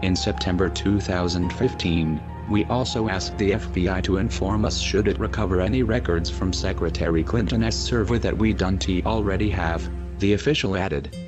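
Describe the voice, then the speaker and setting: Give me a man with a disguised, deep voice reading steadily over clear background music. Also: normal speed, hardly any pauses, dull audio. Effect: disguised deep voice changer. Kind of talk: scripted reading of a news report.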